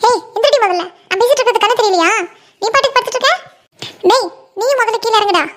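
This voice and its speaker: A voice actor playing a scolding older village mother-in-law in a cartoon comedy, nagging and shrill. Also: racing, fairly bright tone.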